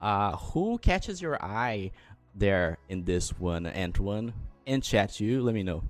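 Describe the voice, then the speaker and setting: A man's voice: lowish voice, takes it slowly. A man co-hosting a mobile game livestream, talking loosely with many fillers while giving players advice. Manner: relaxed, filler-heavy, advising viewers. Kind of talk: casual livestream chat.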